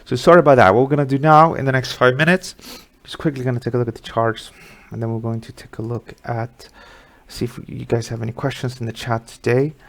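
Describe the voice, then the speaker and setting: A man's voice: mid-range voice, steady tone, quick pace. A middle-aged man from Sweden hosting a live market webinar, talking casually through charts with many fillers.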